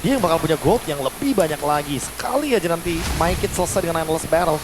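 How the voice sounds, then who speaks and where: Female analyst caster, Indonesian accent, lowish voice, analytical match commentary with noticeable noise behind. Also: lively intonation, quick pace. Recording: clear background noise over broadcast commentary.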